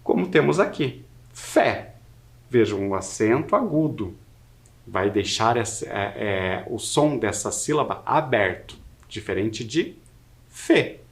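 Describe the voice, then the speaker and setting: A man with a Brazilian Portuguese accent teaching an adult-education Portuguese lesson, repeating words slowly to model pronunciation. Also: lowish voice, animated. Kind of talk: recorded video lesson.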